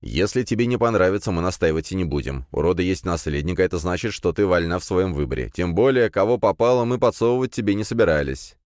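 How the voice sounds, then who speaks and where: A man voicing a calm, kindly middle-aged noble father who speaks reassuringly, in an audiobook. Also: sits low, fast talker, hardly any pauses, no room sound, clean studio sound.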